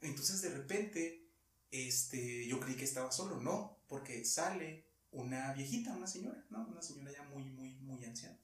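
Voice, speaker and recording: A man with a Mexican accent telling a story in casual conversation, halting and rambling, with frequent laughs. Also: medium pitch, lively intonation. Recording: echoey room, far from mic.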